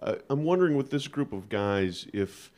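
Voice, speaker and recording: Low-voiced sports reporter asking a question. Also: male voice, expressive, moderate pace, a little mellow. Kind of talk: asking a press conference question. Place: press conference room. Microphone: handheld microphone passed in the audience.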